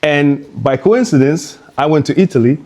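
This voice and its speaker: Halting, conversational man from Curaçao. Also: a little high, lively intonation, mellow. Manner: halting and conversational, often restarting sentences. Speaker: guest speaker at an art exhibition. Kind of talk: informal live talk. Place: art exhibition space.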